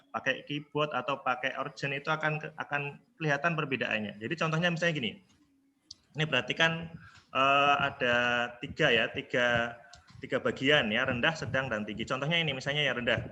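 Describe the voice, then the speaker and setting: A man's voice: mid-range voice, fairly quick, pushed and bright, a little hiss or hum. A male primary school teacher teaching an online class over a laptop video call, patiently coaxing answers and singing the scale notes. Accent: Indonesian.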